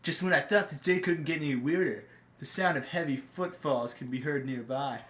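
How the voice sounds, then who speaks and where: A man's voice: on the high side, normal speed, a bit bright. A man casually reading a visual novel aloud with a friend, playful and bantering. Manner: playful, reads narration and bickers over parts. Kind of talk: casual let's-read narration. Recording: echoey room with background music.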